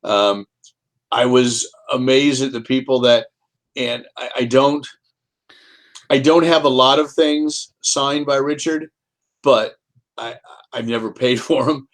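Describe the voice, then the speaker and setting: Male guest author; chatty, rambling storyteller, middle pitch. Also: steady tone, takes it slowly, long pauses. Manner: rambling, repeats words and restarts. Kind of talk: casual storytelling chat. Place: home, Kansas City.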